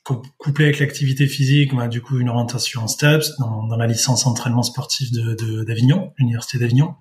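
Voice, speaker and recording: Speaking as an interview guest, this man in his thirties from Vaucluse, in the south of France, describes his job as a sports dietitian-nutritionist. His pitch is ordinary and middle, his tone steady and somewhat dark, and he frequently stalls, using fillers and starting sentences over.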